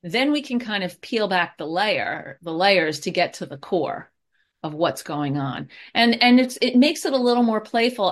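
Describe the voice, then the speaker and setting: A woman's voice: mid-range voice, fairly bright tone. A woman who is a guest expert on anxiety, giving advice in a chatty way with many fillers and restarts. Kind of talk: conversational advice.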